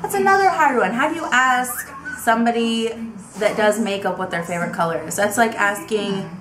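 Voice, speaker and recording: A woman's voice: on the high side, brisk, fairly bright tone, roomy sound, a little hiss or hum. A woman in her twenties chatting casually to camera in a tag video, talking animatedly with lots of fillers, in a small bedroom. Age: 20s. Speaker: beauty vlogger. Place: small bedroom with vanity, indoors.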